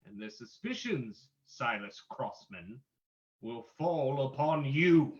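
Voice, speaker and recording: A man's voice: medium pitch, expressive, takes it slowly. A man playing a commanding, unseen crime-fighting sleuth in an old-time radio drama reading, formal and theatrical. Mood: stern, menacing. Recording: dull lo-fi audio.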